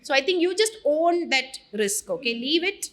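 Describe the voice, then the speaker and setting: A woman from Kerala in her thirties, speaking with a Malayali accent as a podcast guest, animated and emphatic as she switches between Malayalam and English. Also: extremely high pitch, extremely slow. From Kerala, India. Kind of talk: casual podcast interview mixing Malayalam and English.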